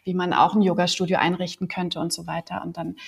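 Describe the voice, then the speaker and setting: A woman's voice: lowish voice, level tone, quick pace, gravelly, slight background noise. A woman in her forties from Berlin, a yoga teacher chatting casually as a podcast guest, with many fillers and frequent laughs. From Berlin, Germany. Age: 40s. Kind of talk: casual interview chat.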